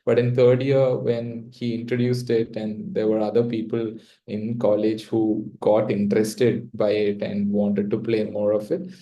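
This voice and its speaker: A young man with a South Indian accent speaks in a fairly low, relaxed voice. His pitch stays within a narrow, even range as he talks casually and reflectively about himself, often pausing mid-sentence. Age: young adult. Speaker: interview guest. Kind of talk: reflective personal storytelling in casual talk.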